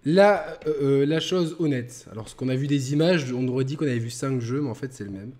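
A man with a darkish voice talks a little fast as he hosts a casual gaming chat podcast. Joking throughout, he mock-reads a sarcastic pitch and repeats himself whenever he restarts a sentence.

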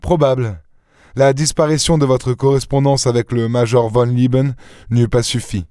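A man reading an audiobook and voicing a suave gentleman thief with an airy, teasing, self-assured manner. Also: mid-range voice, flat delivery, normal speed, smooth, no echo, clean studio sound, voice pushed up, lightly acted. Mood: teasing, triumphant.

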